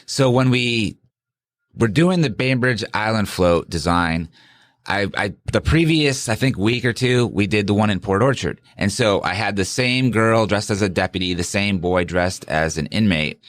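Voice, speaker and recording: A man's voice: on the low side, normal speed, dry recording. A middle-aged man telling a story in a casual interview, rambling and often restarting his sentences. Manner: rambling, with many restarts and self-corrections. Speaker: guest, sheriff candidate.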